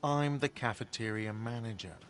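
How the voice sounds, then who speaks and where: A man's voice: medium pitch, moderate pace, a little hiss or hum, pitched below the performer's own voice, close to an everyday voice. A man voicing a defensive, touchy cafeteria manager who talks in a whiny, indignant way.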